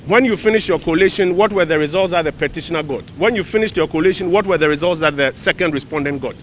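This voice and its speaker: A man's voice: a little high, fast talker, a little hiss or hum. A man with a Ghanaian accent making press remarks on a court case in a pointed, rhetorical way, repeating phrases for effect.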